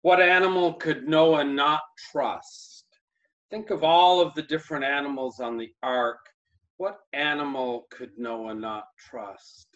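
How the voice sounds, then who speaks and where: Slow, chatty pastor man. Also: on the high side, steady tone, lo-fi sound. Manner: gentle, chatty, with many fillers and pauses. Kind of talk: casual online church message.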